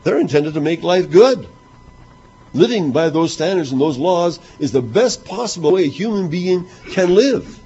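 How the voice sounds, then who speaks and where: A man's voice: sits high, expressive, moderate pace, mellow, slightly rough, faint music behind. A man preaching a sermon to his congregation. He talks conversationally, repeats himself and asks rhetorical questions. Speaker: minister. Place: church hall. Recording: muffled lo-fi recording.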